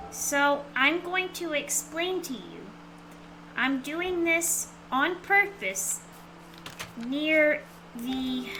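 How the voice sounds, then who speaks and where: A woman streaming a game with casual, rambling, playful commentary in a cute anime-streamer manner. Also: sits high. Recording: clearly noisy background.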